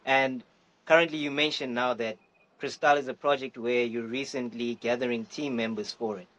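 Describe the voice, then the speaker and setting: A man's voice: medium pitch, fairly even intonation, moderate pace, a bit bright, poor audio. A man hosting a podcast, introducing his guest with playful hype and asking questions. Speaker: podcast host. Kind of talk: energetic podcast interview.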